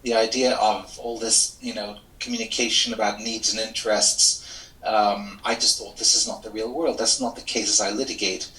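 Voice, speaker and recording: A middle-aged man from Switzerland speaks in a low, crisp and bright voice, telling his story with candid, self-deprecating ease. He sits well back from the microphone on a video call. The room rings with echo around him. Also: little pitch movement, normal speed. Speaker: interviewee, lawyer and mediator. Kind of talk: reflective interview storytelling. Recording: echoey room, distant from mic.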